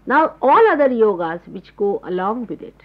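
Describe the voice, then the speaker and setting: A woman giving a spiritual talk to followers, explaining patiently and pausing to search for words, on an old tape recording. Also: mid-range voice, very animated. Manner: explanatory, gropes for words with pauses. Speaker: spiritual teacher. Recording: dull lo-fi 1979 tape recording.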